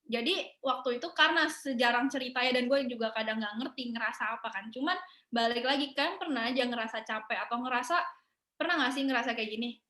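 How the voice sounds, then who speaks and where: A young woman, chatting as an interview guest in a relaxed way, mixing in English phrases and laughing often. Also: a little high, quick pace, echoey room. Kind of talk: casual interview chat.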